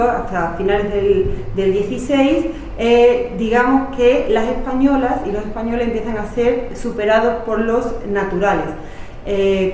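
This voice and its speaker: A woman's voice: fairly high pitch, darkish tone. A woman, a historian explaining her research in a spontaneous academic way, with many fillers and restarts. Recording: echoey room, voice from far off, faint noise.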